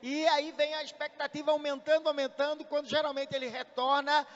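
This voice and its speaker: A man with a Brazilian Portuguese accent giving a measured church teaching talk on marriage, often checking in with his listeners. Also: extremely high pitch, flat delivery, fairly bright tone. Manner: measured, checks in with "tá?" tag questions. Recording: echoey hall, dull lo-fi sound.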